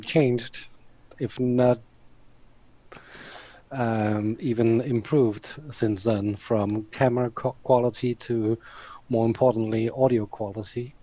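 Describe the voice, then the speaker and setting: A man on a casual panel chat, talking in a hesitant, thoughtful, halting way. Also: mid-range voice, fairly even intonation, dark tone, dry recording. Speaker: show panelist.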